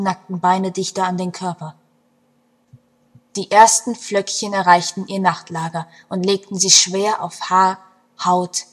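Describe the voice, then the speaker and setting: A woman with a breathy, mid-range voice tells a story expressively, her volume moving between hushed and strong passages.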